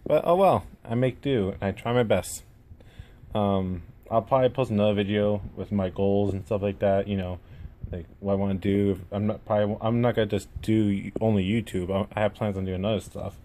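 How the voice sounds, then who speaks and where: A lowish, dark male voice with fairly even intonation introduces a gaming YouTube channel, talking to camera indoors at home. His slight slur and lisp draw out the S sounds as he rambles and pokes fun at himself in a casual vlog. Noticeable room noise runs through the recording.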